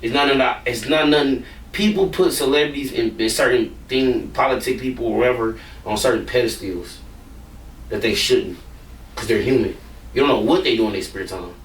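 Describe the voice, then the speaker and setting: A man's voice: medium pitch, a little fast, roomy sound, recorded from a distance. A man, a rapper, talking casually and bluntly in an interview, rambling and swearing freely.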